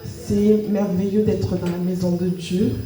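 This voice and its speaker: Flat, dark-voiced male church interpreter. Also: high-pitched, a little slow, soft background music. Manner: even, steady, echoing the preacher phrase by phrase. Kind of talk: live sermon interpretation. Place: large church hall. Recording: echoey hall, distant mic.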